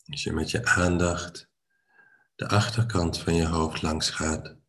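A man with a very low-pitched voice guides a relaxation exercise. His intonation stays flat and steady, with little rise or fall. He is calm and unhurried, leaving pauses between short phrases as a meditation teacher would. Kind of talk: slow guided body-scan relaxation.

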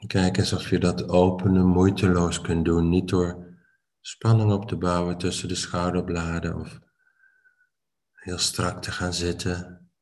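A man with a very low-pitched voice guides a relaxation exercise. His intonation stays flat and steady, with little rise or fall. He is calm and unhurried, leaving pauses between short phrases as a meditation teacher would. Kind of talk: slow guided body-scan relaxation.

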